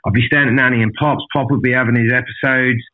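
A man from an island outside Australia tells his life story as a podcast guest, candid and casual. He's blunt and swears, speaking fast at a medium pitch with fairly even intonation over a tinny line.

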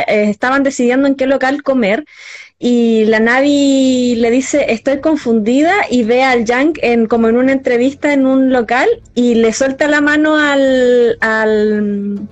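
A woman's voice: high voice, no room sound. A young woman with a Chilean accent chatting casually, explaining a plot with frequent hesitations. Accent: Chilean Spanish. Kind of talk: casual chat recapping a story. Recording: faint music behind.

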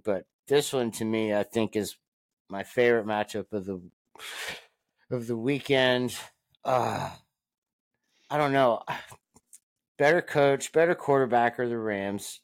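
A man's voice: mid-range voice, no room sound. A man co-hosting a sports podcast, chatting casually and joking with friends, laughing often. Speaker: podcast co-host.

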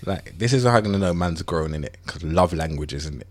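A podcast co-host in his thirties jokes around in casual banter, talking fast in a low, expressive voice. His London roadman accent comes through in his playful slang.

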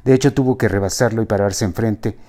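A man reading a novel aloud as narrator, in an expressive, wry storytelling manner. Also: on the low side, fast talker.

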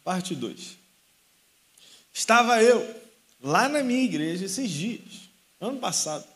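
A man's voice: high-pitched, lively intonation, slow, fairly bright tone. A young male youth pastor with a Rio de Janeiro accent, telling a personal story in a sermon and acting out the dialogue. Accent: Rio de Janeiro Portuguese.

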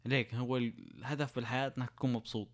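A man's voice: mid-range voice, fairly even intonation, rapid-fire. A young man with a Syrian Arabic accent chatting casually, explaining his points through everyday examples and rhetorical questions. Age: young adult. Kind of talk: casual chat.

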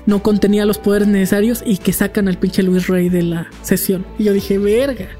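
A man with a Mexican accent, tired after a long day, tells a business story in a casual, animated, profane way. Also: high voice, fairly quick, faint music behind. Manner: animated, profane, dramatic retelling. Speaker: podcast host telling a business story.

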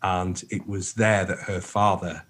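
A man's voice: deep voice, flat delivery, a little slow, fairly bright tone, husky. A man co-hosting a radio show, chatting casually and enthusiastically. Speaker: radio co-host.

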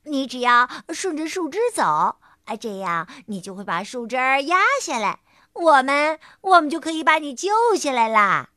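A woman's voice: sits high, big pitch swings, moderate pace, no echo, clean studio sound, full character voice. A woman voicing a sensible, teasing elephant who leads the others in a storybook reading. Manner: bright, scolding and teasing.

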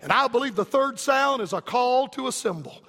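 A man preaching a fiery revival sermon in an emphatic, rhythmic cadence that climbs to shouts. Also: very high voice, lively intonation, normal speed, big-room sound.

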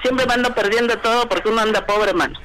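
A woman's voice: a little high, fairly even intonation, fast talker. A woman from Xalapa calling into a live show, gushing and swearing playfully. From Xalapa, Mexico. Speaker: caller. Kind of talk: phone call-in chat. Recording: noisy phone call.

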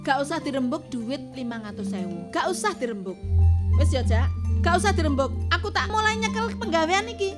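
A woman's voice: high voice, lively intonation, a little fast. A woman playing a weary, pleading mother in a family drama, speaking. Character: mother, mother-in-law, older woman, weary peacemaker. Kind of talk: Javanese family drama acting. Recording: loud music under the dialogue.

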